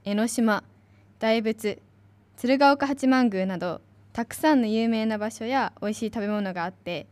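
A woman's voice: on the high side, normal speed, darkish tone, dry recording. A young woman from Kanagawa, an announcing student, giving a chatty free talk with many fillers. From Kanagawa, Japan. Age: young adult.

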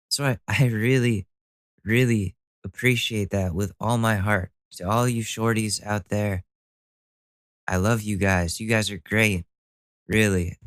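Speaking through a blocked nose, a young solo podcast host rambles in a casual way, pokes fun at himself and lets the occasional swear word slip. The pitch is fairly low, and the sound is clean studio audio with no room sound.

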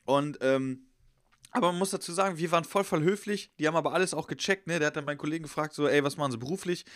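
A young man tells a long story in a fast, rambling stream, full of slang and acted-out quotes. The recording is dry and close, with no room sound. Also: fairly high pitch, fairly bright tone, no room sound. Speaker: guest telling a story. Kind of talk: casual storytelling chat.

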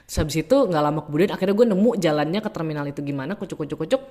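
A young woman telling a travel story in a lively, casual way, mixing in English words. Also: deep voice, very fast. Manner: lively, mixes in English, acts out quotes. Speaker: podcast host.

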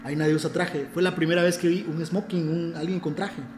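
A man's voice: a little high, level tone, brisk, roomy sound, noisy background. A man from Mexico with a Mexican accent, telling a personal story in casual, earnest conversation and often restarting his phrases. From Ciudad del Carmen, Mexico. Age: adult.

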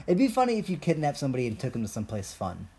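Here the young Colombian-born podcast host sounds dark and husky in a mid-range voice. He rambles through a casual, profane monologue, joking and mocking himself.

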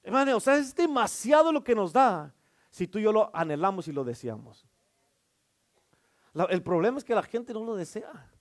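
A man's voice: high-pitched, big pitch swings, moderate pace. A man preaching a sermon as a pastor, emphatic, with rhetorical questions and calls for amen.

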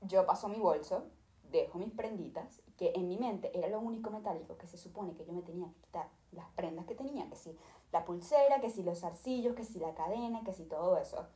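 Young Venezuelan woman, YouTuber telling a storytime vlog, dramatic and animated, recorded on a desk mic in an echoey room. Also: fairly low pitch, brisk. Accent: Venezuelan Spanish. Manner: animated, dramatic retelling, acting out the people in her story. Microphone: desk microphone.

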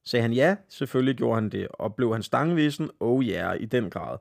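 A man's voice: medium pitch, vocal fry. Casual Danish male podcast host. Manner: lively, laughing, swearing casually, stumbles while reading. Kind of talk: casual podcast chat, reading listener stories aloud.

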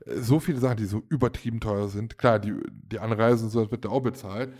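A man's voice: fairly low pitch, fast talker, a little mellow. A man in his thirties casually telling a long anecdote, rambling with fillers and acting out the people he quotes. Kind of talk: casual storytelling chat.

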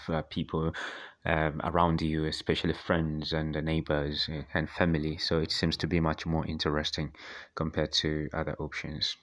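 Very deep-voiced man from Tanzania. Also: fairly bright tone. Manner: hesitant, many fillers. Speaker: podcast host. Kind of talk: speaking-exam practice monologue.

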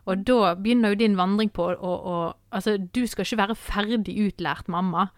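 A woman podcast host with a medium-pitched voice chats casually, warm and rambling, repeating words and frequently asking "sant?" The sound is clean studio audio with no room sound.

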